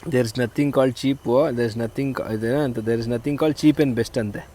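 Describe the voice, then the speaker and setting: A man hosting a camping vlog outdoors by a river, explaining things calmly in casual chat. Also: slow, a little hiss or hum. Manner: explains calmly, then talks high and loud to his small child. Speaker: vlogger host.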